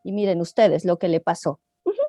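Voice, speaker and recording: A woman's voice: lowish voice, brisk, no echo, studio quality, faint music behind. A woman, an oral storyteller, talking in an interview and telling a tale playfully to her listeners. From Mexico. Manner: expressive, playful, addresses the audience.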